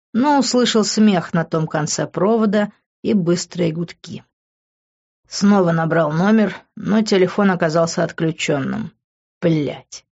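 A woman's voice: lowish voice, gravelly, darkish tone, lo-fi sound. A woman narrating an audiobook in the first person, reading steadily. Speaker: audiobook reader.

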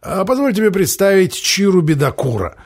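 A man's voice: sits high, sing-song, moderate pace, voice pushed up. A man voicing a mischievous male astrologer who teases and laughs through his words. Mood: giggling mischief.

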